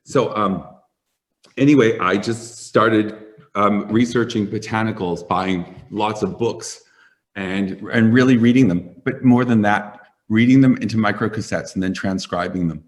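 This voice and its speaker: A middle-aged man, a hair stylist and formulator, talking in a sit-down interview and telling animated stories with acted-out quotes. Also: on the low side, unhurried. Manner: animated storyteller, acts out quoted voices.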